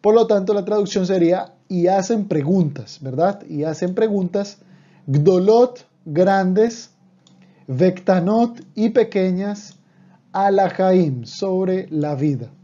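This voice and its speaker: Slow, patient man teaching a lesson. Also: high voice, animated, dark tone. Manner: patient, repeats words slowly then explains. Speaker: language teacher. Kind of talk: slow spoken language lesson. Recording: dull lo-fi sound.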